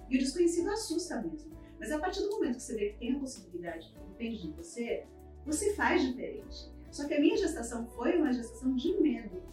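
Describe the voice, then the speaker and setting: A woman's voice: high-pitched, big pitch swings, fast, darkish tone. A woman, a podcast guest, telling a personal story and acting out what each person said. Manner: vivid, acts out quoted dialogue. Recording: roomy, distant mic, faint music behind.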